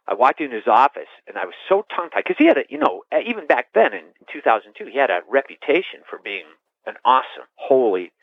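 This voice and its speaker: A middle-aged man, a priest, telling his story in an interview, rambling and animated, restarting sentences and laughing. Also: mid-range voice, quick pace, gravelly, husky, no room sound. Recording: tinny phone-line sound.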